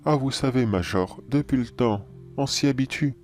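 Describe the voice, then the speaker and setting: A man playing a calm, philosophical cannibal anomaly in a horror audio drama, measured and politely menacing. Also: mid-range voice, faint music behind, lightly acted.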